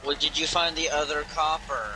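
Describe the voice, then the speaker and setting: A man's voice: on the high side, flat delivery, moderate pace. A man in casual gaming chat whose mic keeps glitching and cutting out, swearing loosely as he plays. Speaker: gamer streaming with friends. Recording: crackly cutting-out voice chat with noise.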